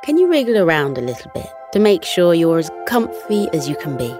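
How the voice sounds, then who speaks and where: A woman gently narrating a children's bedtime meditation and story in a soothing, coaxing, unhurried way. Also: deep voice, sing-song, music in the background.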